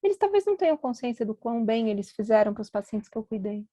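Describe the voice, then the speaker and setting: A woman's voice: a little high, sing-song, fast talker, dark tone, dry recording. A middle-aged woman, a physician, giving a conversational storytelling talk at an event and acting out the voices of the people in her stories.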